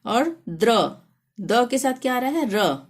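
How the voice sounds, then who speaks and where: Slow, patient woman teaching spelling. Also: fairly high pitch, lively intonation. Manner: patient, step-by-step, spells out letters slowly. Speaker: Hindi teacher. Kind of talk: spelling lesson on a whiteboard.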